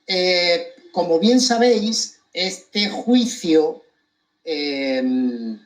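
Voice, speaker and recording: A man with an accent from Spain gives a deliberate, emphatic monologue to an audience, breaking his phrases with pointed pauses. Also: a little high, expressive, low-quality recording. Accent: Spanish from Spain. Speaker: commentator giving his account of a court case.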